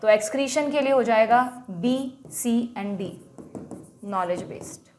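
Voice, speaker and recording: A woman teacher with an Indian accent walking students through an exam paper, explaining each answer briskly and quizzing them as she goes. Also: fairly high pitch, darkish tone, slight background noise. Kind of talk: exam paper walkthrough lesson.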